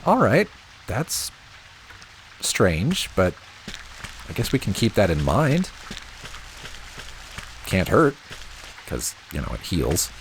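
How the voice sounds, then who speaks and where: Steady rain sounds clearly in the background as a man with a very low voice talks through his game. This let's play host is relaxed and wry, musing aloud, his pitch swinging widely in reaction.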